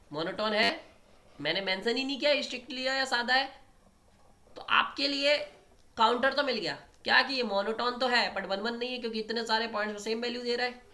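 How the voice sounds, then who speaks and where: A man's voice: very high-pitched, sharp tone, a little hiss or hum. A man teaching a maths lecture, explaining step by step and often checking in with his students. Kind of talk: online exam-prep lecture at a board.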